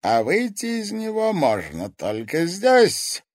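A man's voice: high-pitched, wildly swooping pitch, slow pace, dry recording, clean studio sound, pitched above the performer's own voice, full character voice. Audiobook: smug, scornful police chief, done by a man. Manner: mocking, smug. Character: smug middle-aged male police chief. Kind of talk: audiobook character voice.

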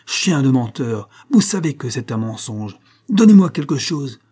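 A man's voice: medium pitch, moderate pace, lightly acted. A man bellowing as a furious old sea captain. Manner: shouting, bellowing threats.

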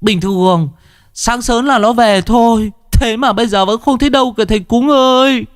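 A man voicing a distraught middle-aged village wife who pleads and sobs in a high, strained voice. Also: normal speed, soft background music. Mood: wailing. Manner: sobbing, pleading, high-pitched.

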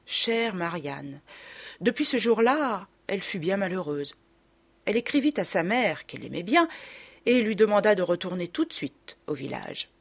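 A woman's voice: medium pitch, sing-song, normal speed, creaky, breathy edge. A woman reading a classic novel aloud as an audiobook, narrating expressively in the first person. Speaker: audiobook reader.

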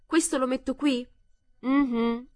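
A woman's voice: high-pitched, steady tone, takes it slowly, darkish tone, pitched above the performer's own voice. A woman reading aloud, voicing an anxious young wife who talks in an overly polite, eager way.

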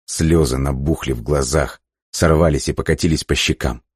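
A man reading an audiobook in slow, measured, somber scripted narration. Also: rumbling low, fairly even intonation, breathy edge, dry recording, studio quality.

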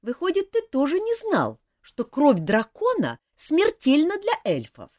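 A woman's voice: high voice, huge pitch swings, a little slow, darkish tone, dry recording, clean studio sound, pitched above the performer's own voice, heavily acted. A woman voicing a young male elf prince who talks in an earnest, pleading way.

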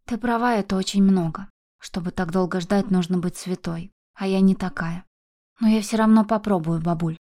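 A woman's voice: mid-range voice, moderate pace, mellow, close to an everyday voice. A woman voicing a tearful young woman pleading with her grandmother about the man she loves. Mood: tender, resolute.

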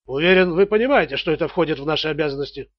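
A man voicing a male bank director with a low voice, calm, formal and detached, in a muffled audiobook recording. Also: rapid-fire, no room sound, close to an everyday voice. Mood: cold.

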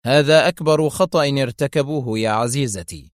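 A man voicing a calm, sarcastic male hero who stays unflappable, in a dry recording. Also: medium pitch, fairly quick, dry recording, natural voice.

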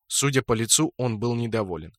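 A man reading a first-person fantasy novel in a steady storytelling manner. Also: mid-range voice, a little fast, dry recording, studio quality. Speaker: audiobook narrator. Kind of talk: first-person fiction narration.

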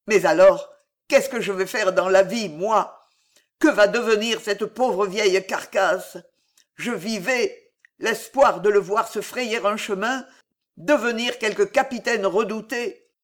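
A reader voicing an old, blunt soldier father in an audiobook, with gruff, loud oaths. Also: medium pitch, natural voice. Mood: anguished. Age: older. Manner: gruff, exclamatory, full of oaths. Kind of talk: audiobook reading.

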